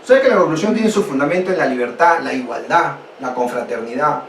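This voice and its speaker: A man from Peru teaching a history lesson online, asking his students rhetorical questions in an animated way. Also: medium pitch, fairly quick. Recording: echoey room, distant mic, faint noise.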